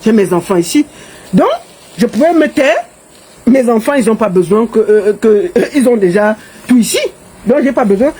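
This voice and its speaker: A woman's voice: fairly high pitch, animated, moderate pace, warm tone, breathy edge, poor audio. A middle-aged woman from Cameroon with a Cameroonian French accent, an exiled political activist giving an impassioned monologue to camera, emphatic and repetitive.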